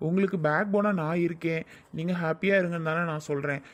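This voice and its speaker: A woman playing a gentle, coaxing young groom. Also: on the low side, steady tone, fast talker, close to an everyday voice. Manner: patient, coaxing, repeats the same point. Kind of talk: amateur family drama skit.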